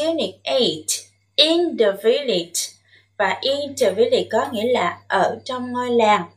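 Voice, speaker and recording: A woman from Vietnam teaching English to young children, modelling words slowly and emphatically for them to repeat and coaxing them with gentle questions. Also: fairly high pitch. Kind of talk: bilingual classroom lesson with listen-and-repeat drills.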